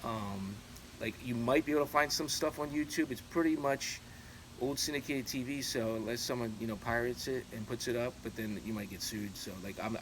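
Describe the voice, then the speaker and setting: Man in his forties, medium pitch, casual vlog chat, halting and repetitive, clear background noise. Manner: halting, loosely anecdotal, repeats himself. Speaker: YouTube channel host. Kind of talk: casual rambling chat to viewers. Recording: clearly noisy, steady background ambience.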